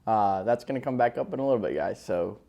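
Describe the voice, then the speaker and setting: Young man, twenties, podcast co-host, low pitch, casual upbeat chat. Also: lively intonation, quick pace, gravelly, dark tone, highs cut off. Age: 20s. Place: indoor room, filmed by a cameraman.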